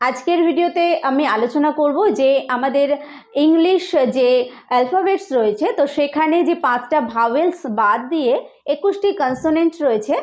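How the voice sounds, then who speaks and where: Bengali-accented female teacher, high voice, slow repetitive explaining, online lesson. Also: darkish tone. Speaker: English pronunciation teacher.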